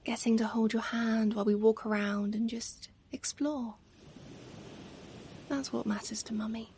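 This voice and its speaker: With a gentle, highish murmur at a measured pace, an ASMR performer acts as a doting mother comforting her pet, playfully self-deprecating but tender and earnest in mood. She speaks softly and affectionately, sometimes almost in a whisper. A steady ocean-wave ambience fills the background.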